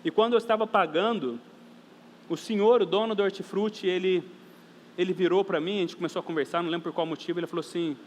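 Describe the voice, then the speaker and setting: A man's voice: high-pitched, fairly even intonation, quick pace. A man with a Brazilian Portuguese accent preaching a sermon as pastor, earnest and emphatic, repeating phrases for stress and addressing the congregation as brothers and sisters. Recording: reverberant church hall, faint background noise.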